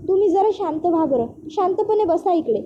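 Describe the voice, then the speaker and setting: An earnest young wife pleads and reasons with her family, as a woman reading a serial recap puts her on. The voice is high and steady. The sound is slightly muffled. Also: brisk, background noise.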